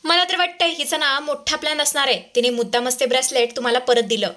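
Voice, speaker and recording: A woman's voice: sits high, steady tone, fast, sharp tone. A woman doing a bossy, scornful rich lady. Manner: commanding, scornful.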